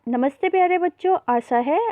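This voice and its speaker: Tinny, high-voiced woman teaching children. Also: moderate pace, no echo. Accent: Hindi, mixing English terms. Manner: addresses children as beta, explains patiently with repeated examples. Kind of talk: worksheet lesson for young children. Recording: tinny phone-like voice-over.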